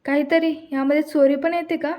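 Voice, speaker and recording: A woman's voice: high voice, level tone, brisk, dark tone, lightly acted. A woman voicing a drunk young man who speaks sarcastically and mockingly, in her own voice.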